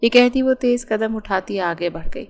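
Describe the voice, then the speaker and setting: A woman narrating a romance novel audiobook with steady, dramatic storytelling. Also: on the high side.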